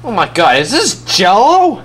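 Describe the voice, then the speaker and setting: A young man playing a frightened visitor to a house of scares in an amateur comedy skit, halting and exaggerated. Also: high-pitched, huge pitch swings, fairly bright tone, a little hiss or hum, heavily acted. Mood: uneasy. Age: young adult.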